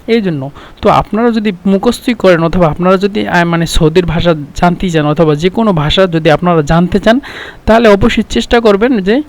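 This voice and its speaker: A man with a high voice gives a relaxed spoken language lesson. He explains patiently, fills pauses with hesitations, and repeats each example phrase several times. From Bangladesh. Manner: explains slowly with many fillers and repeated examples. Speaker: Arabic language teacher.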